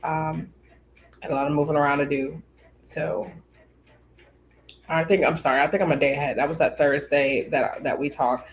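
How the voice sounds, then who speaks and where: A woman's voice: low voice, steady tone, moderate pace, pauses often, slight background noise. A podcast host, a woman, telling a personal story in a rambling way, with many fillers and acted-out bits of dialogue.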